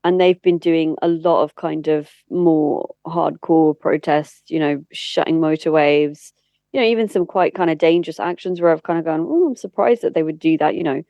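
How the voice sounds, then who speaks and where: On this dry, lo-fi recording, a deep-voiced woman with a creaky quality talks at a moderate pace. She's a campaigner and former spokesperson being interviewed, speaking in a candid, earnest, conversational way as she explains things.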